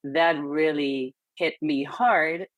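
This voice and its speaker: In a dry recording, a middle-aged woman from Hungary, a perinatal therapist, is interviewed on a podcast and speaks slowly in a low, steady voice. Her Hungarian accent comes through as she talks candidly and earnestly, with light laughter between phrases.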